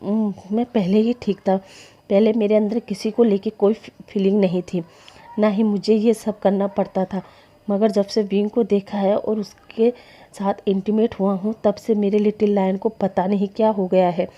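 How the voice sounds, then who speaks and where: A woman's voice: medium pitch, flat delivery, normal speed, warm tone, close to an everyday voice. A woman voicing a flustered grown man in a storybook reading, soothing but awkward. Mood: desperate. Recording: dull lo-fi recording.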